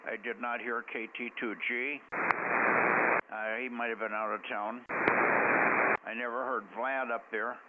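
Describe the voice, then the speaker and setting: This casual ham radio chat features an American man running an amateur radio net, teasing and blunt over two-way radio. He speaks slowly in a medium-pitched, level voice, with long pauses. The thin, static-laced signal sounds narrow and tinny.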